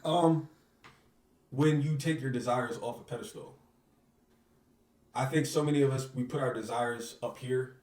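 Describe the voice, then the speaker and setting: Unhurried and pausing often, this earnest man speaks with a medium, fairly even, slightly mellow voice, far from the microphone so the room echoes around him. As a guest manifestation coach in a casual interview, he repeats himself, leans on filler phrases, and keeps checking in with the listener.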